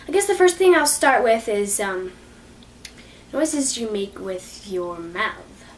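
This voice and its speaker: A young woman vlogs casually and unscripted to camera about training dogs, rambling, apologizing, and giggling at herself. She speaks slowly at medium pitch with lively intonation, picked up by a distant mic with faint noise.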